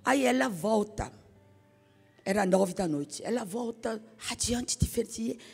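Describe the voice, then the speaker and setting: Woman preacher, slow dramatic testimony, hushed to fervent, reverberant hall with soft music. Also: a little high, animated, gravelly, breathy edge. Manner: dramatic, swings from hushed whispers to fervent exclamations. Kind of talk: emotional testimony sermon.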